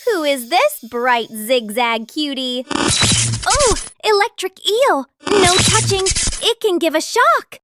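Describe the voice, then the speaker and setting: A woman's voice: high-pitched, lively intonation, slow pace. A woman voicing a cheerful young female sea captain who guides small children through a cartoon, gushing and sing-song with lots of exclamations. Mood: bubbly excited. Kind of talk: cartoon narration for toddlers. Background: loud children's music.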